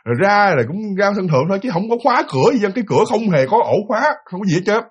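A man narrating a spoken ghost story, excited and repetitive, acting out the characters' lines as he goes. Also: high voice, racing, husky, lo-fi sound.

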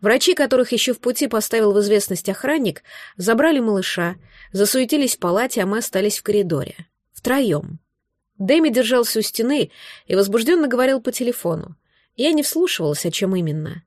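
A woman reading a novel aloud in the first person, with steady, expressive storytelling. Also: fairly high pitch, a little fast, no echo, studio quality. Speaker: audiobook narrator.

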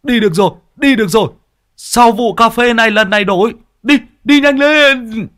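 A man's voice: sits high, moderate pace, a bit bright, pitched above the performer's own voice. A male storyteller voicing a bumbling, flustered older village man who stammers. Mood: panicked.

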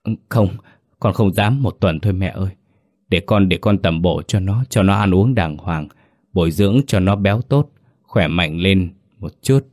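Man doing a desperate father, deep voice, pleading, horror story. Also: moderate pace, a little mellow.

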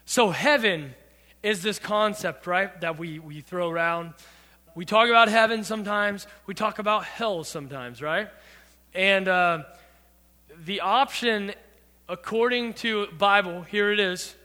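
A man's voice: sits high, a little slow, sharp tone. A man giving a youth sermon to a group, with playful, jokey asides to the audience. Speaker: youth pastor. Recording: long hall reverb.

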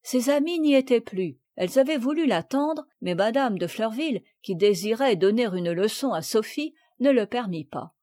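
A woman reading a classic children's novel aloud in measured, clear scripted narration. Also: a little high, expressive, dark tone, dry recording. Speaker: audiobook reader.

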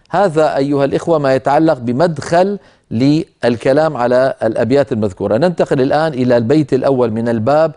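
A middle-aged man teaching a Quranic reading rule, explaining in a calm, measured way and slowly chanting verse quotations. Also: mid-range voice. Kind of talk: lecture on a tajweed poem.

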